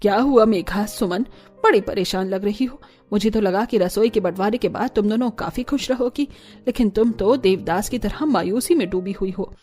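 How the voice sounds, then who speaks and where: A woman's voice: mid-range voice, moderate pace, dark tone, faint music behind, natural voice. A woman voicing a wise mother-in-law who lectures her daughters-in-law in a cartoon story. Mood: lecturing.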